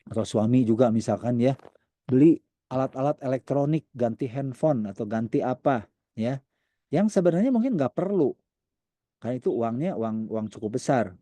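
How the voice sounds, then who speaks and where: A man's voice: medium pitch, expressive, moderate pace, dark tone, dry recording. A man giving a conversational teaching talk to a church women's fellowship as a counselor, often acting out quoted voices. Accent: Indonesian.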